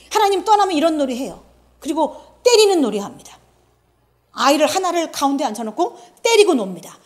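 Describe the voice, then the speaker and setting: A middle-aged woman with a high voice delivers a Sunday sermon from the pulpit. She preaches earnestly and conversationally, telling stories and acting out the lines she quotes. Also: a little mellow. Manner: earnest, storytelling with acted-out quotes. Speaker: pastor.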